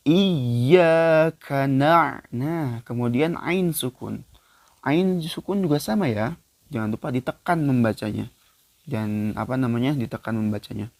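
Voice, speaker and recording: A man teaching Quran recitation in a casual spoken lesson. He explains loosely with many fillers, then chants the verses slowly and louder. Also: medium pitch, dry recording.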